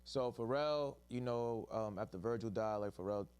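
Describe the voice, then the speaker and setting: A man's voice: medium pitch, moderate pace, darkish tone, clean tone. A man hosting a casual podcast, talking loosely and slangily and joking with his co-hosts. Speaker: podcast host.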